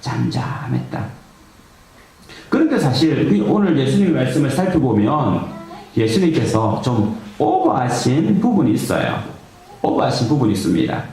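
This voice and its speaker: Lively, conversational man preaching in an echoey church. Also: medium pitch, normal speed. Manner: conversational preaching with rhetorical questions to the congregation. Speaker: pastor. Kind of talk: sermon. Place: church sanctuary. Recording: echoey church hall, faint noise.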